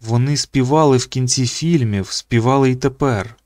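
A man narrating an audiobook in an expressive reading voice. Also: normal speed, dry recording. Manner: reads expressively, pitching up for the children's quoted lines.

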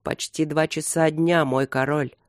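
A narrator doing a gruff growling baron. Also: medium pitch, fairly even intonation, measured pace, no echo, clean studio sound, close to an everyday voice. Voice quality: growling, voice cracking with pain.

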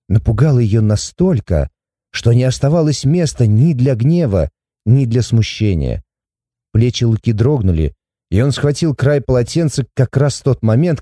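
A man reading a novel aloud as an audiobook narrator, expressive and measured. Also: mid-range voice, no echo, clean studio sound. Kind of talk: scripted narration.

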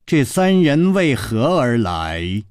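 A man voicing a powerful, aloof female sect mistress who speaks slowly and with disdain. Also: medium pitch, very animated, a little mellow, dry recording, studio quality. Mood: aloof, commanding. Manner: slow, measured, disdainful. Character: mighty aloof female palace mistress, coldly commanding.

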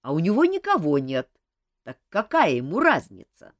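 A woman's voice: fairly low pitch, wildly swooping pitch, moderate pace, dry recording, studio quality. Casting: female narrator doing a cheerful young barbarian man, no room sound. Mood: rueful. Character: young male barbarian hero, blunt and cheerful. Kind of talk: audiobook character reading.

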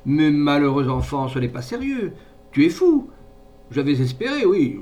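A man voicing a bitter, jealous, domineering middle-aged mother in an indignant, scornful tirade, recorded from a distant mic with faint rumble. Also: a little mellow, natural voice.

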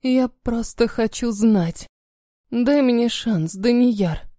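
A woman's voice: on the high side, extremely slow, mellow, dry recording, clean studio sound. A woman voicing a frightened young wife who pleads in a trembling voice. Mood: pleading.

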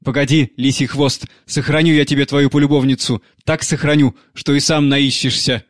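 A man's voice: mid-range voice, fairly even intonation, moderate pace, dry recording, clean studio sound, close to an everyday voice. A man voicing a crazed, grieving old nanny who rants, wails and pleads in a raised, frantic voice. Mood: vengeful. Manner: raised, frantic, wailing pleas.

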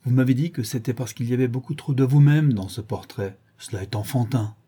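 A man's voice: medium pitch, a little fast, warm tone, husky, natural voice. A man voicing a witty, cynical young English aristocrat with an airy, amused manner. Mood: insistent.

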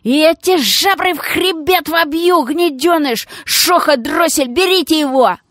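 A woman voicing a hoarse, menacing male gang leader who barks threats in criminal slang, in an audiobook. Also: on the high side, animated, a little slow, no room sound, studio quality. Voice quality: hoarse, rasping. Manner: shouting threats in thieves' slang.

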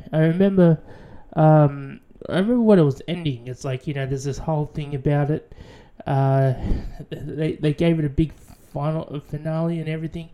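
A man with an Australian accent and a slightly high voice hosts a radio show, delivering a rambling, profane, casual monologue full of restarts. The highs in the audio are cut off.

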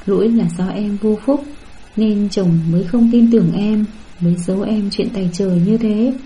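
A woman's voice: mid-range voice, fairly even intonation, moderate pace, warm tone, close to an everyday voice, rough recording. Woman reading as a sulking young wife. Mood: tearful. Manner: sulky and self-pitying. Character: hurt young wife, sulking and self-reproaching.

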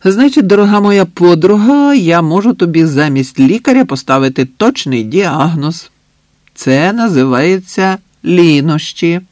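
A man reading an audiobook voices a cheerful young woman who teases her friend in a playful, bubbly way, raising his voice higher and louder for her. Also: sing-song, a little slow, dry recording, exaggerated voice. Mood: teasing. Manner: playful, bubbly, bossy banter.

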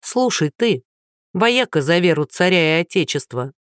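A woman's voice: on the low side, expressive, moderate pace, no echo, studio quality, lightly acted. A narrator voicing a haughty, short-tempered actress in her thirties who talks down sharply. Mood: indignant. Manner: sharp, condescending.

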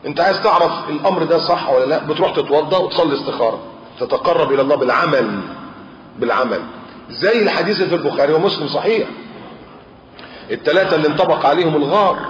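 Fast, animated Egyptian preacher. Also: male voice, a little high. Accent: Egyptian Arabic. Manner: animated, asks and answers his own questions. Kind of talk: colloquial sermon storytelling. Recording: roomy, dull lo-fi recording.

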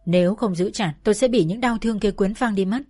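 A woman narrating a first-person family story in a soft, emotional way. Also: medium pitch, fast talker, breathy edge.

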